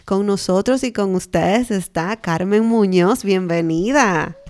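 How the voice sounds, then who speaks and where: A woman's voice: medium pitch, slow, darkish tone. A woman co-hosting a podcast, introducing a guest with effusive enthusiasm. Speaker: podcast co-host. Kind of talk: casual chat.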